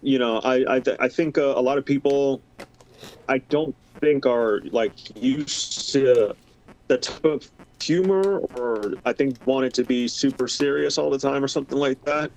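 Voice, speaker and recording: A man's voice: medium pitch, normal speed, vocal fry, darkish tone, slight background noise, low-quality recording. A man as a podcast guest, speaking hesitantly with many fillers and restarts. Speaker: podcast guest, former team member. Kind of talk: casual podcast chat.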